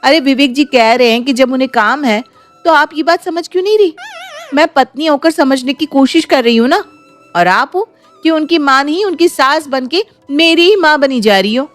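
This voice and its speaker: A woman's voice: high voice, animated, moderate pace, faint music behind. A woman voicing a suspicious, sarcastic young bride in a cartoon story. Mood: arguing. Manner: sarcastic, argumentative.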